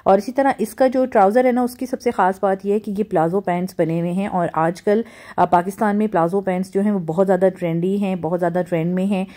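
A middle-aged Pakistani woman narrates her home vlog chattily, using many fillers and mixing in English words. Her mid-range voice is steady and dark in tone, and she speaks fast.

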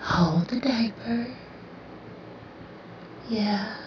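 A young woman speaking slowly in a soft, breathy half-whisper, soothing yet commanding and repeating her phrases. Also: a little high. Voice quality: breathy, often slipping into whisper. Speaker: roleplay audio performer. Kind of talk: whispered hypnotic roleplay ASMR. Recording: roomy, distant, dull lo-fi sound with faint hiss.

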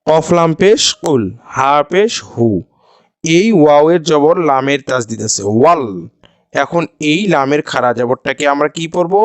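A man's voice: fairly high pitch, moderate pace, clear, resonant tone, dry recording. A man teaching Quran recitation rules, patiently repeating each rule step by step and chanting the examples. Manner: chants the example words melodiously. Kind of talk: slow step-by-step tajweed lesson.

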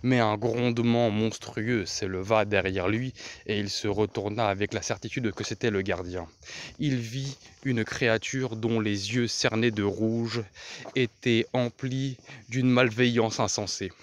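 Man, audiobook narrator, fantasy novel, measured reading, lowish voice, very slow. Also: fairly even intonation, a little hiss or hum.

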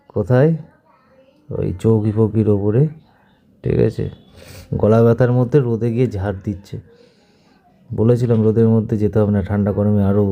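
A man's voice: on the low side, mellow, highs cut off. A man with a slight sore throat, narrating a family vlog in a rambling, repetitive, self-mocking voice-over. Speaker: vlogger narrating his wife's day. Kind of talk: casual voice-over commentary.

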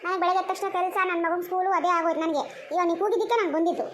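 A woman's voice: very high voice, fairly even intonation, rapid-fire, slight background noise. A woman voicing defensive village neighbour women in a cartoon comedy, arguing back. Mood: bickering.

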